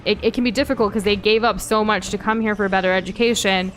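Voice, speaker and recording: Soft music plays behind a young US woman co-hosting a game stream. Her medium-pitched voice is steady, quick, and a bit bright, and her candid chat about gameplay and viewer comments is packed with fillers and restarts.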